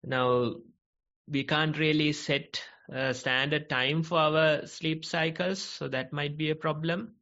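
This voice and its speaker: Slow-speaking Sri monk on a call. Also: male voice, fairly high pitch, flat delivery. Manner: measured, gently advising. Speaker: Buddhist monk answering questions. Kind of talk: calm teaching Q&A on an online call. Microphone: video call. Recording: muffled online call audio.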